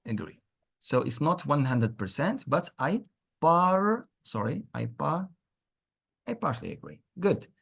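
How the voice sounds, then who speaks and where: Male English teacher, very varied intonation, slightly husky tone, deliberate and repetitive delivery in a pronunciation class. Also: fairly high pitch, animated, a bit bright. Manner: deliberate, repeats words for learners, encouraging. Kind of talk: interactive pronunciation lesson.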